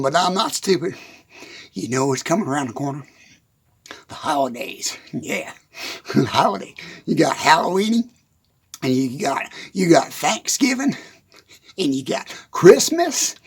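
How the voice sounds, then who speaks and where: A man's voice: high-pitched, slightly rough, heavily acted. A man doing a giggly Texan redneck. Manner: constant giggling, folksy rural grammar. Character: giggly good-ol'-boy Texas redneck man. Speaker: comedic country character. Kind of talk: rambling comic monologue.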